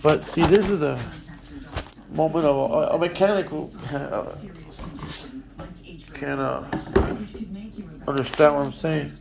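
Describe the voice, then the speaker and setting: Gravelly-voiced man talking shop slowly. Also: on the high side, steady tone, a crowd in the background. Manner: rambling, frequent fillers and restarts; blunt, casual swearing. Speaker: motorcycle mechanic. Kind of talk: casual workshop walkthrough.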